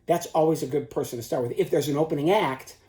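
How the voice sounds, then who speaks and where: A man's voice: on the high side, fast, a little mellow. A man giving an informal instructional talk as a performer, stressing his points with emphatic repetition. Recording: roomy, echoing sound.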